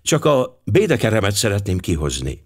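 A man's voice: lowish voice, wildly swooping pitch, breathy edge, full character voice. A man reading an audiobook, voicing a nervous, henpecked colonel who speaks apologetically and hesitantly. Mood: apologetic. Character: nervous henpecked middle-aged army colonel. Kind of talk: audiobook character voice.

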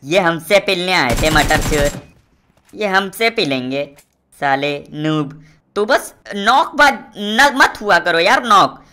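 A man's voice: sits high, takes it slowly. A young man giving live gameplay commentary, boastful and swearing at opponents while calling out to teammates. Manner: excitable, shouting out calls to teammates. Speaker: gaming streamer.

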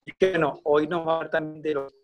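A man's voice: on the high side, fairly even intonation, fast, lo-fi sound, noisy background. A middle-aged man moderating an informal online forum, speaking hesitantly and groping for words. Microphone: earbud headset on a video call.

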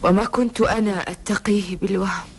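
An actress playing a proud, sorrowful, iron-willed Bedouin woman in a historical TV drama, speaking formal Arabic gravely and deliberately. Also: mid-range voice, fairly even intonation, natural voice. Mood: resolute, grave. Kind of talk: solemn classical Arabic historical TV drama acting. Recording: old TV soundtrack with background noise.

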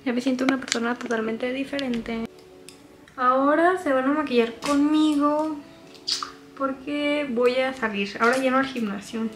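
Here the Mexican-accented vlogger in her twenties talks casually through her makeup routine in a small bedroom, wandering off-topic and poking fun at herself. She speaks at a moderate pace with a high voice and fairly even intonation, over music in an echoey room.

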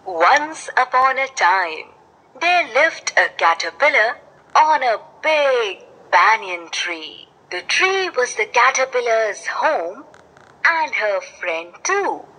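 Brief: woman reading a children's story aloud, high and animated delivery, expressive. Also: breathy edge, rough recording.

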